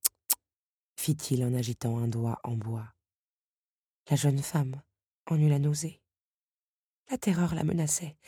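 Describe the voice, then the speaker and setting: A woman narrating a story in an expressive storytelling manner. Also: deep voice, slightly rough, no room sound, clean studio sound. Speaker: audiobook narrator. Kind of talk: scripted narration.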